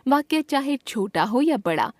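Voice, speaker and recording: A woman reading a grammar lesson aloud from a textbook in a clear, measured way, voicing the example sentences with expression. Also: sits high, sing-song, a little mellow, no echo, clean studio sound.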